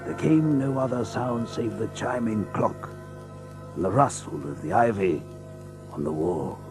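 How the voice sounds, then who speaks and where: An actor playing an earnest, polite gentleman doctor who narrates and speaks in a radio drama, measured and courteous. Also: on the low side, over music, close to an everyday voice. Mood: brooding, suspenseful.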